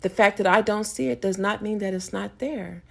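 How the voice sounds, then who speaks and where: A woman's voice: mid-range voice, moderate pace, vocal fry. A woman vlogger delivering a spiritual rant, emphatic and preachy, rambling with frequent restarts.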